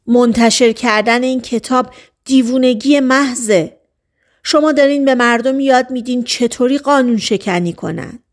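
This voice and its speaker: A woman's voice: a little high, natural voice. A woman reading the lines of a blunt, dismissive male publisher in an audiobook. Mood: scornful.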